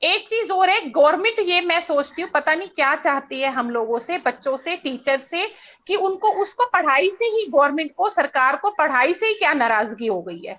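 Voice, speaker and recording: A woman's voice: high-pitched, expressive, moderate pace, a bit bright. A woman speaking as a panel guest, insistent and argumentative. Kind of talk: panel discussion.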